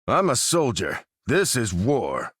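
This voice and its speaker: Captain America, a dynamic commanding soldier. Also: male voice, medium pitch, huge pitch swings, takes it slowly, a bit bright, slightly rough, dry recording, clean studio sound, heavily acted. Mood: grave, firm. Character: dutiful, resolute male soldier commanding a superhero team. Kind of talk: video game character voice lines.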